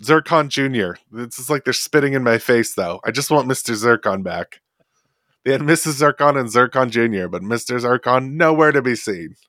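Speaking into a desk podcast mic, a gaming podcast host chats casually and rambles, full of fillers and "likes." He has a medium-pitched, expressive, slightly bright voice at a moderate pace, and the studio recording is clean with no room sound.

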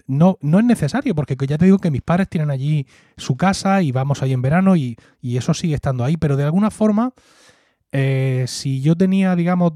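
A man from Murcia, Spain, speaks with a Murcian accent as a podcast co-host, telling fond, reflective stories conversationally and often tagging lines with a questioning "¿no?". His voice is on the high side and warm. The recording is dry with clean studio sound.

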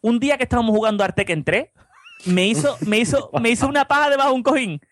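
A man's voice: extremely high pitch, quick pace, a bit bright. A man from Andalusia with an Andalusian accent, telling rambling anecdotes in casual podcast chat and tagging his sentences with questions. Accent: Andalusian Spanish. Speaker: podcast co-host.

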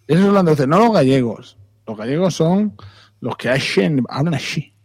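A man's voice: on the high side, expressive, normal speed, husky. Chatty Spanish man, teasing. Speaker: podcast co-host. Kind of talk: casual chat.

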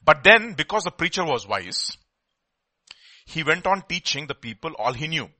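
A man's voice: on the high side, very animated, normal speed, bright, forceful tone, dry recording. A man with an Indian accent preaching and reading scripture emphatically, repeating phrases and putting questions to his listeners.

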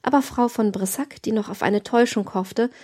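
A woman's voice: fairly high pitch, moderate pace, a little mellow. Woman narrating an audiobook. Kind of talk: scripted narration.

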